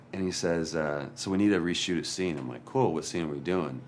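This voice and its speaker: A man's voice: deep voice, normal speed, a little hiss or hum. A male actor in an interview, candidly and reflectively recounting a hard experience. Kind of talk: interview storytelling.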